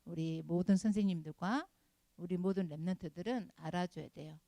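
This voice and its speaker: A woman's voice: on the low side, moderate pace, warm tone, dry recording. A middle-aged woman leading a children's Sunday school sermon, emphatic and scolding, asking the class rhetorical questions. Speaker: Sunday school department head preaching.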